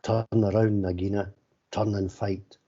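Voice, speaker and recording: A brave male mongoose from a storybook read by a man, taunting and challenging. The voice is fairly low and slightly husky, on a somewhat dull recording. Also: little pitch movement, unhurried, warm tone.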